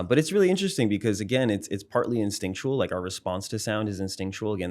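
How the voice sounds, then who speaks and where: A man, a psychology professor and musician, explaining ideas in a relaxed interview, thoughtful, with frequent fillers and restarts. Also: low voice. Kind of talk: casual explanatory interview talk.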